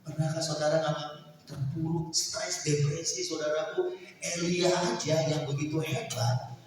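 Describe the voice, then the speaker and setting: Older pastor preaching in an echoing hall. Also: male voice, on the high side, fairly even intonation, unhurried, soft background music. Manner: fervent preaching, swings from soft asides to loud outbursts, rhetorical questions. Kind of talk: sermon. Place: large church hall. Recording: echoey church hall, mic at a distance.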